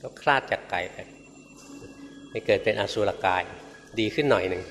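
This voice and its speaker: An older monk preaches a sermon in a low voice. He tells a story and acts out its quoted lines, and he chuckles now and then. His voice rings through a large hall with long reverb and faint noise behind it. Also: expressive, normal speed, fairly bright tone. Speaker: Buddhist monk teacher. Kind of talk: dharma sermon.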